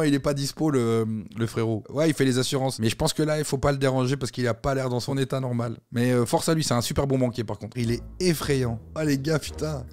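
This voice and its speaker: A man's voice: medium pitch, darkish tone. A man streaming live, chatting casually, joking in slang and laughing at himself.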